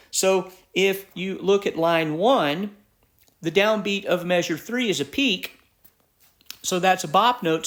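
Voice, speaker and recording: A man's voice: on the high side, fairly bright tone. A middle-aged man teaching jazz articulation, explaining step by step in a methodical way with frequent restarts. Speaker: music teacher. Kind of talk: instructional lesson.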